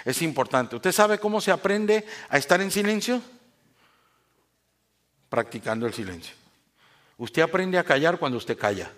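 A male pastor, preaching an animated sermon and joking with his congregation. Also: on the high side, normal speed, long pauses.

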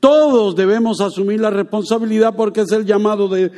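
A man preaching a lively sermon, joking with and quizzing his congregation. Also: sits high, brisk. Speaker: pastor.

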